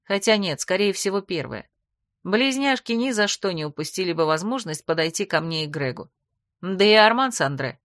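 A woman narrating a first-person fantasy audiobook in an expressive, measured storytelling voice on a close mic. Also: on the low side, no echo.

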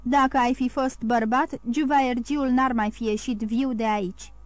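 A woman's voice: on the high side, fairly even intonation, dry recording, faint music behind, natural voice. A woman voicing a grim, scheming innkeeper's wife with a tremulous, sly and menacing way of speaking.

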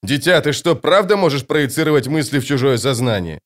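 A man's voice: mid-range voice, expressive, fairly quick, lightly acted. A man voicing a middle-aged emperor who speaks in a cold, commanding, sardonic way.

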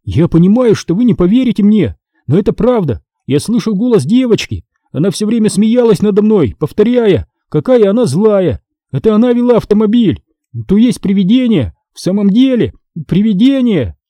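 A man voicing a frightened twelve-year-old boy in an audiobook, pleading and shouting. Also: sits high, sing-song, moderate pace, no echo, pitched above the performer's own voice. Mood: desperate.

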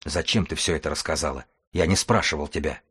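A grim young bookman speaks in a cold, restrained and firm voice, low and husky, as a male audiobook reader plays him. His delivery stays measured and severe. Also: fairly bright tone, heavily acted. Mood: stern.

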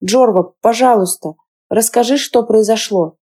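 Woman voicing a worried teen girl, urgent, pleading, higher voice, mellow tone, storybook. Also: unhurried, breathy edge. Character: insistent worried teenage girl student.

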